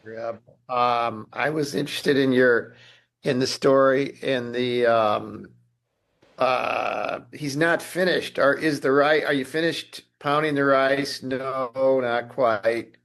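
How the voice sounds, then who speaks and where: A man from the audience asking a question haltingly, with many pauses and ums. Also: mid-range voice, creaky, a bit bright.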